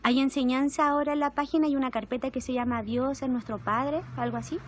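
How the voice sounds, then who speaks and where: A young adult woman with a Chilean Spanish accent, preaching an intimate, emotional testimonial sermon that moves between soft and animated moments. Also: sits high, fast talker, a little hiss or hum.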